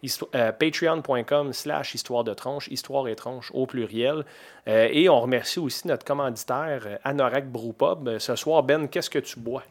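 A man's voice: mid-range voice, moderate pace. A man in his forties with a Québécois accent, hosting a podcast in a loose, chatty way full of fillers and restarts. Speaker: podcast host. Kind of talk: casual podcast chat.

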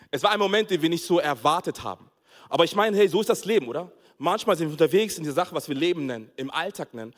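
A man with a fairly high voice tells a story from the pulpit, acting out the voices of his family and breaking into laughter. His sermon rings through a church hall with a long reverb tail, and his delivery rises and falls with the story. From Togo. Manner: animated storyteller, acts out family dialogue, laughs often. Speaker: pastor.

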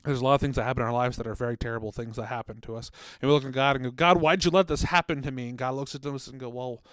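Speaking very fast at a medium pitch with a level tone, a former children's ministry worker shares a story on the faith podcast he co-hosts. His delivery is earnest and chatty, with quotes acted out. There's no echo; the space sounds dry and close.

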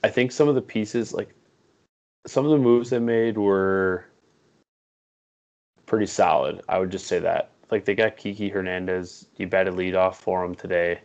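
A man's voice: low-pitched, fairly even intonation, darkish tone, dull audio. A man co-hosting a podcast, chatting casually about sports with blunt, opinionated takes. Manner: blunt, opinionated, quick reactions. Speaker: podcast co-host.

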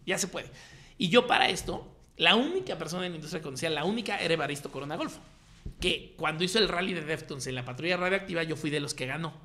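A man's voice: a little high, lively intonation, quick pace, pushed and bright. A man in his thirties with a Mexican accent, telling his story in slangy casual chat and acting out the voices of people he quotes. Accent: Mexican Spanish.

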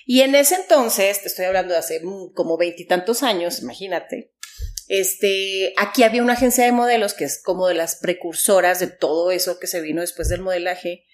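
A woman's voice: fairly low pitch, brisk. A middle-aged woman from Chihuahua, telling stories as an interview guest in a chatty way, full of fillers. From Chihuahua, Mexico. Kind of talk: casual storytelling interview.

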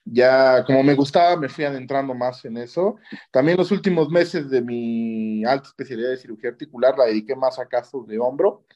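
On a slightly dull, lo-fi recording, an orthopedic surgeon interviewed as a guest recounts his experiences conversationally in a Mexican Spanish accent. He talks briskly at an average pitch with a dark tone, frequently closing phrases with a short questioning tag.

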